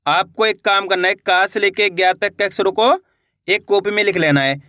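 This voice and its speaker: A teacher giving a slow reading lesson, spelling words out syllable by syllable and then blending them, reassuring viewers as friends. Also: medium pitch, pushed and bright, no echo, clean studio sound.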